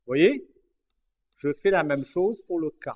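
A man gives a lesson at an unhurried pace, repeating key points and checking that his students follow. His voice sits fairly high for a man. The recording is dull and lo-fi. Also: expressive. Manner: patient, repeats and checks understanding. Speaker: language teacher. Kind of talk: slow writing lesson.

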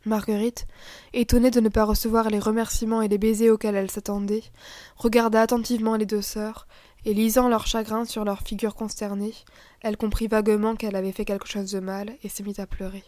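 A woman narrating a children's tale in a calm, even storytelling manner. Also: mid-range voice, brisk, no echo. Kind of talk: audiobook reading of a children's tale.

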